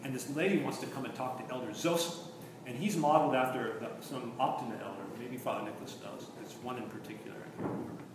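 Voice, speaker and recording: Man lecturing in an echoey room. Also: fast. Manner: conversational, musing, trailing off into low asides. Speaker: teacher. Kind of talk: lecture on literature and faith. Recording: echoey room, distant mic, faint noise.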